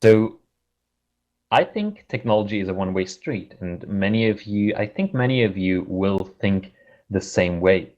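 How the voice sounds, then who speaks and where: A man with a German accent gives an online conference talk in a casual, chatty way, halting often with fillers and restarts. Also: lowish voice, expressive, a little mellow, highs cut off. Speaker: conference speaker.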